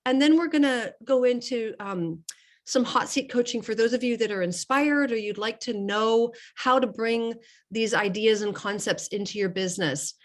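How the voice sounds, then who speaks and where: Speaking at a moderate pace in a voice on the high side, the host, a network marketing business coach in middle age, is getting over a slight cold. She runs a casual online group call with an urging, emphatic style, repeating key phrases to drive them home.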